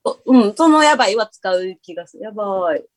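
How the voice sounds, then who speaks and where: A woman's voice: mid-range voice, expressive, quick pace, a crowd in the background. A woman with a Kansai accent, chatting casually as a guest, teasing and laughing often. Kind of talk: casual chat.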